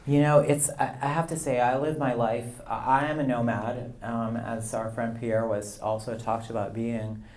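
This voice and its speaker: A man in his fifties, a poet being interviewed, talking in a relaxed, rambling way with frequent "you know" and light laughs. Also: mid-range voice, normal speed, hardly any pauses. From Canada and the U.S. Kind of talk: conversational interview. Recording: roomy live event sound.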